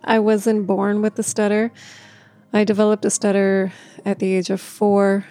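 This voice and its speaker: A woman vlogger talking candidly to camera, halting at times with pauses and stuttered restarts. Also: mid-range voice, completely flat delivery, mellow, no room sound. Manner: candid and open. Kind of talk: personal talk to camera.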